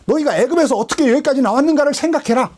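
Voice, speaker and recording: A male pastor giving a sermon in colloquial, storytelling style, retelling scripture with dramatic swings. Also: racing. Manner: animated storytelling, colloquial, dramatic drops in pitch.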